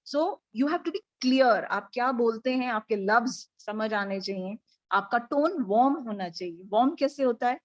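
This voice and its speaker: An energetic Indian-accented woman runs a live online grooming class, voice pushed up and projected to hold attention. Her pitch sits fairly high, yet she takes her words at an unhurried, deliberate pace, switching between English and Hindi as she coaxes her students. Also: muffled recording. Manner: mixes English and Hindi, coaxing and directing the class. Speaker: pageant grooming coach. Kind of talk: live online coaching session. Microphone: video call.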